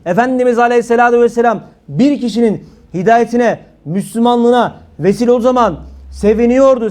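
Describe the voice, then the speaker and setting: A man's voice: very high voice, darkish tone. A man giving an impassioned sermon-style talk, scolding his listeners with rhetorical questions. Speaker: religious preacher.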